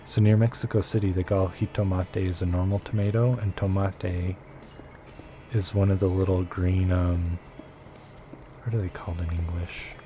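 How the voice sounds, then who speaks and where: A man's voice: low-pitched, level tone, normal speed, dark tone, slight background noise. A man live-streaming a game, chatting casually with viewers and rambling as he thinks aloud, with lots of fillers. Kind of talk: casual chat with viewers while playing.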